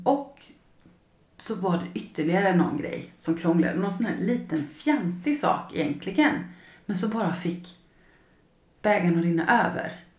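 A woman's voice: medium pitch, a little mellow, roomy sound. A woman hosting a personal podcast as a coach, speaking emotionally and acting out her past feelings as she tells a story.

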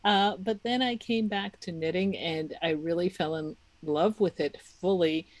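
A woman's voice: on the low side, a little slow, no room sound. A woman, a guest on a podcast, talking in a chatty, self-mocking way and laughing often. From Czech Republic. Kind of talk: casual interview talk.

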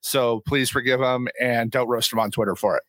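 A male podcast host talks sports casually. His voice sits at a middle pitch with a bright, forceful edge. It sounds dry, with no room around it. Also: steady tone, brisk, no echo.

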